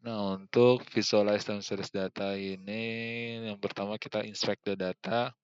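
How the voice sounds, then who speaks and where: A young man walks through a software tutorial, hesitant and full of fillers as he thinks aloud while clicking. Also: on the low side, level tone, normal speed, clean tone, dry recording, dull audio. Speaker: student presenting a tutorial. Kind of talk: screen-recorded software tutorial.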